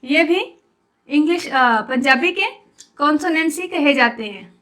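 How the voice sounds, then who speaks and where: A woman's voice: high voice, expressive, unhurried, a bit bright. A woman teaching a Punjabi script lesson online, patiently explaining each letter step by step as she writes it and addressing viewers as guys.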